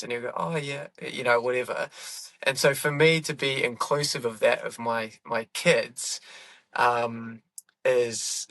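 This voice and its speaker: Bright and forceful in a mid-range voice, a middle-aged man appears as a guest comedian in a podcast interview. He chats in a rambling way, correcting himself and laughing frequently, and there's no echo.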